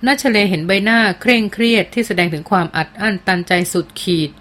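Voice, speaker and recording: A woman reading a novel aloud as audiobook narration. Her delivery is measured and steady. Her voice sits at an ordinary middle pitch.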